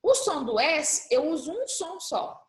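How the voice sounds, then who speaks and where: A woman's voice: high voice, very animated, measured pace, reverberant. A woman teaching a primary school class, patiently spelling out letters one by one as she reviews for a test. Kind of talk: recorded class review lesson.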